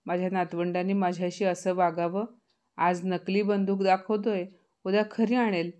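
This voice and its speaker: A woman's voice: lowish voice, level tone, moderate pace, mellow, smooth, natural voice. Woman doing a sneering, faultfinding mother-in-law. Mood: scornful. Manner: sneering, accusing. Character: faultfinding older mother-in-law, sharp-tongued.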